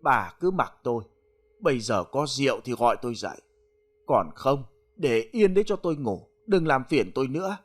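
A man's voice: medium pitch, very animated, normal speed, breathy edge. A man voicing a surly drunk husband who slurs and grumbles at his wife. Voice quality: slurred, whining. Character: drunk, slurring poor old husband.

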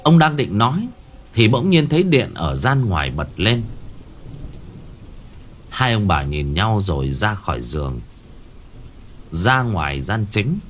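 A man narrating a scripted ghost story in a dramatic, expressive way. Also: fairly low pitch, measured pace, long pauses, slight background noise.

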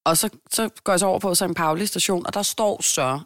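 A woman's voice: on the low side, dry recording, studio quality. A Danish woman co-hosting a podcast, casually telling a story and acting out the people in it. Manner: animated storyteller, acts out quoted people. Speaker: podcast co-host. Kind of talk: casual chat.

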